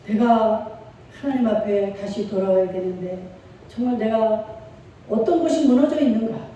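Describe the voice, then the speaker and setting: A woman's voice: a little high, normal speed, mellow, highs cut off, slight background noise. A middle-aged woman pastor preaching a sermon with feeling and call-and-response. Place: church sanctuary. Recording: echoey church hall from far off.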